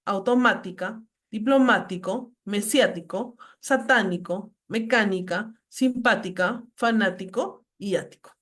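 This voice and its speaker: A woman lecturer giving a grammar lesson, slowly reading out example words with heavy stress. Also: medium pitch, a bit bright.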